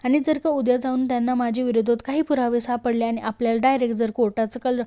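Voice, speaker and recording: A woman narrates a TV serial episode in a steady storytelling voice-over. She reads each character's lines without changing voice, with a fairly high, mellow tone. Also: fast talker. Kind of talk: voice-over episode recap, retelling dialogue.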